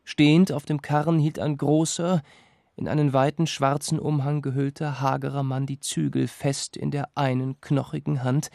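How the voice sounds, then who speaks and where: A man narrating a fairy tale with measured, dramatic telling. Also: medium pitch, creaky, a little mellow, dry recording. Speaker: storyteller.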